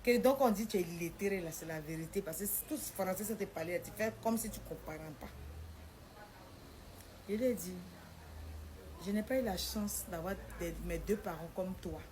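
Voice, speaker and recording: Animated woman telling her story. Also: on the low side, moderate pace, noisy background. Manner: animated, acts out the dialogue in a shifting voice. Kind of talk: personal storytelling.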